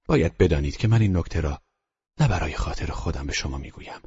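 A man doing a calm older doctor in a storybook reading, speaking in a husky hush that keeps slipping into whispers. The voice sits very deep, and the recording sounds dull and lo-fi. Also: full character voice. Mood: earnest. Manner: soft, hushed, often whispered.

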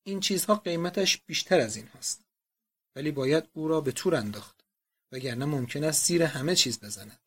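Man reading fond old father, emotional, pleading, effusive, somewhat high-pitched. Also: expressive, a bit bright, breathy edge. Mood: doting.

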